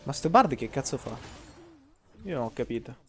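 A man's voice: medium pitch, big pitch swings, moderate pace, faint music behind. A man, streaming gameplay and ranting at his chat, swearing freely and teasing. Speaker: game streamer. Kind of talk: casual live-stream gameplay commentary.

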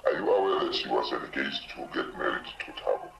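A man with an electronically lowered, disguised voice, answering interview questions haltingly and repeating words as he searches for them. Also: animated, lo-fi sound. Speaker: prison inmate interviewee. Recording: echoey and noisy disguised recording.

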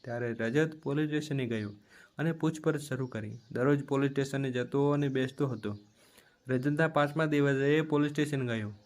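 A man telling a dramatic family story as a steady, plain storyteller. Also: mid-range voice, normal speed.

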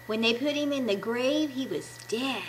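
A high-voiced woman in her fifties talks at a moderate pace, giving children an enthusiastic devotional as a ministry puppet presenter. She records on a webcam at arm's length in a small room at home, and a little hiss or hum can be heard.

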